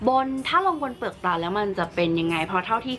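A woman's voice: medium pitch, expressive, fast talker, a bit bright, soft background music. A woman beauty vlogger giving a chatty, upbeat makeup review and explaining each step as she works. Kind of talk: casual makeup tutorial and product review.

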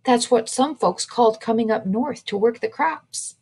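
A woman voicing an eager eight-year-old girl in a read-aloud storybook, speaking in a high, pleading way. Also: normal speed, darkish tone, husky.

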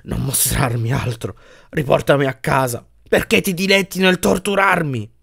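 A man's voice: sits high, expressive, measured pace, vocal fry, bright, forceful tone, slightly rough, pitched above the performer's own voice, exaggerated voice. A man voicing an old miser in an audiobook, pleading in a strained, rising voice. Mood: anguished pleading.

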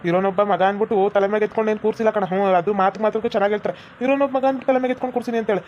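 A woman's voice: mid-range voice, steady tone, rapid-fire, highs cut off, slight background noise, lightly acted. A woman voicing a stubborn, sulky young man in love in a comedy cartoon. He speaks with a North Karnataka Kannada accent and insists by repeating himself.

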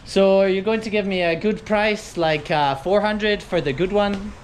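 A high-pitched male travel vlogger talks at normal speed as he walks a busy street outdoors. His casual narration is friendly and lively, and he greets people as he goes while street traffic hums behind him.

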